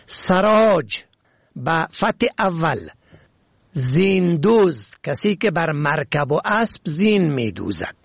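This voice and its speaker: Man, slightly high voice, husky, spells words out slowly for a scripted radio lesson. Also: very animated, dry recording. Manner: slow and careful, spelling words letter by letter. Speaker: radio presenter.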